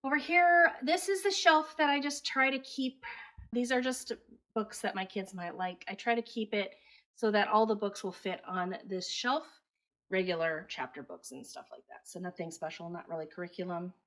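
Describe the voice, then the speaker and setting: Chatty homeschooling mom on a home tour. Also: female voice, mid-range voice, normal speed. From Taiwan. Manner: relaxed, chatty, matter-of-fact. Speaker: homeschooling mother and channel host. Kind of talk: casual home tour vlog. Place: at home, indoors.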